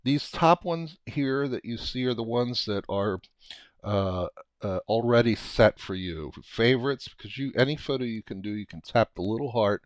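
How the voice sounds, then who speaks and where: A middle-aged American man giving an unscripted, casual software walkthrough, thinking aloud haltingly as he explains. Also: mid-range voice, expressive, no room sound. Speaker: software tutorial presenter.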